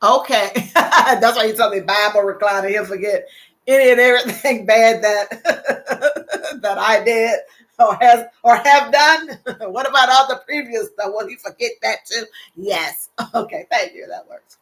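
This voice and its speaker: An older woman with a somewhat high, fairly bright voice speaks a little slowly as she hosts a casual livestream. She reads viewer comments and chats, laughing often and repeating her phrases.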